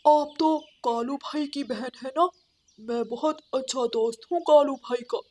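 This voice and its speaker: A woman's voice: high-pitched, measured pace, a little mellow. A woman voicing a friendly male crow in a cartoon, polite and curious.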